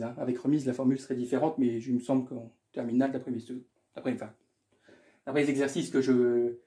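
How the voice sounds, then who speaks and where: A man with a medium-pitched, warm voice tutors math in an echoey room. He casually talks his way through an exam correction, repeating himself and adding small asides.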